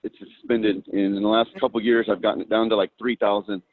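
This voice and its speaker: Man, lowish voice, calling in by phone, dry tinny line; halting, stammers and repeats himself. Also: flat delivery. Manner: hesitant, stammering, repeats words. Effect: heard over a phone line. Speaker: defendant in a remote court hearing. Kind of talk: casual speech addressing a judge.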